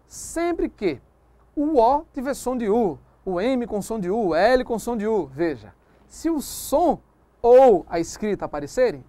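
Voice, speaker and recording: A woman teaches a recorded grammar lesson. Her pitch swings widely as she stresses each point, and she keeps checking in with the viewer through quick tag questions. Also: mellow. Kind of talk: recorded video lesson on phonetics.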